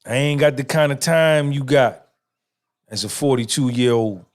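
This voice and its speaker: A man's voice: medium pitch, a little slow. A middle-aged man hosting a podcast, giving an emphatic, swaggering motivational monologue full of repetition and cursing. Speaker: podcast host.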